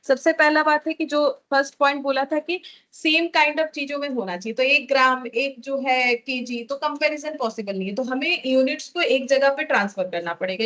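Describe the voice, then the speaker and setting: A woman's voice: high voice, a bit bright, poor audio. A woman teacher explaining a math lesson step by step, checking in with the class often.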